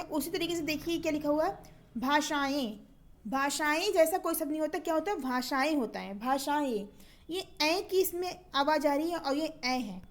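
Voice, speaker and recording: A woman teaching a Hindi spelling and pronunciation lesson for exam preparation, patiently repeating each word and quizzing the viewer with questions. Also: very high voice.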